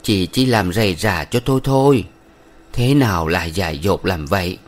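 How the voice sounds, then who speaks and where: A man's voice: low voice, expressive, normal speed. A man doing a stern preachy village matron. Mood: lecturing. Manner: moralizing, lecturing. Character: middle-aged village matron, stern, preachy, sweet-talking.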